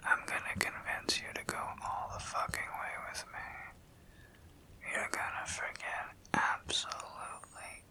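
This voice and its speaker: A woman performing an intimate audio roleplay in a breathy whisper, teasing and commanding by turns with lots of repeated urging. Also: slow, pushed and bright.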